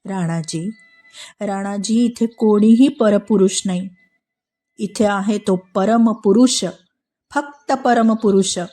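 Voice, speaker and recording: A woman voicing a gentle, devoted young widow who pleads softly and calmly in a told story. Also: mid-range voice, a little slow, breathy edge. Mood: pleading. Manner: soft, calm pleading.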